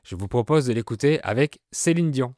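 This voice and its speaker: A French man hosting a podcast lesson, explaining with slow, clear delivery. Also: mid-range voice, animated, a little mellow, no room sound, clean studio sound. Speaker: French teacher, podcast host.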